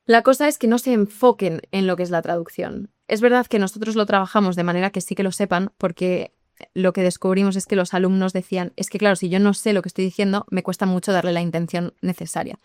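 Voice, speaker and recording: Lively woman explaining. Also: mid-range voice, fast talker, clean tone, no room sound, studio quality. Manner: lively, explanatory, addresses listeners directly. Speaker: English teacher. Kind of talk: podcast conversation.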